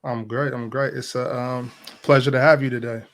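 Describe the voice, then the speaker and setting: A man hosting an online talk show, asking questions with many pauses and restarts. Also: medium pitch, level tone. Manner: hesitant, lots of ums and restarts. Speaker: podcast host. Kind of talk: casual interview hosting.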